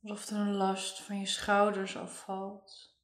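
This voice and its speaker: A woman narrates a guided meditation at a slow, unhurried pace. Her delivery is soothing and hushed, with very little rise or fall in pitch. The voice sits in a noticeably echoey room. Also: completely flat delivery.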